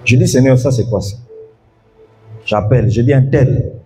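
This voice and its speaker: A man's voice: medium pitch, moderate pace, dark tone, faint music behind. A pastor preaching an evening sermon, telling a story and calling out to his congregation to follow him.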